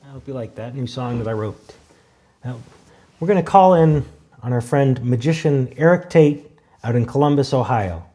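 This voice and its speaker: A man's voice: mid-range voice, expressive, moderate pace, dark tone. A man hosting a casual parlor show, introducing guests over video chat. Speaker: host.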